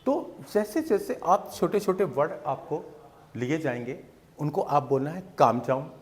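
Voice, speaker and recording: A man with a Hindi accent teaching spoken English, explaining slowly and repeating each phrase in Hindi and English. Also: a little high, animated. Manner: slow and patient, repeating phrases, switching between Hindi and English.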